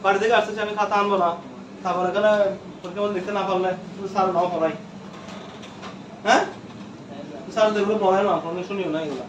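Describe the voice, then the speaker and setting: A man's voice: sits high, fairly even intonation, fast, long pauses, noisy background. A male teacher lecturing a classroom, repeating terms and quizzing his students. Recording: echoey room from far off.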